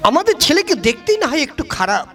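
A man's voice: very high-pitched, very animated, quick pace, over music. A man voicing a bossy middle-aged matchmaker who scolds and commands, in a comic puppet show. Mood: coaxing.

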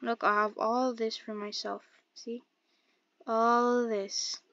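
High-pitched, excitable woman streaming a game. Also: slow, no echo, dull audio. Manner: excitable, exclaiming and muttering to herself as she plays. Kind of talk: casual gameplay commentary.

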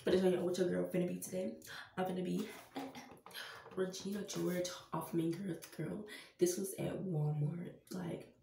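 Her voice is lowish and mellow with vocal fry, delivered flatly at a normal speed over slight background noise. This young woman is congested and stuffy-nosed as she chats with viewers, addressing them as y'all, while doing her Halloween makeup. She's in a small tiled bathroom, recorded by a camera on a stand a few feet off, giving a roomy echo.

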